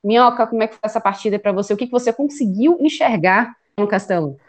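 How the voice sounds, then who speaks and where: A woman hosting a sports podcast, recapping a match informally and sometimes halting as she searches for words. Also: fairly high pitch. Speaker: podcast host.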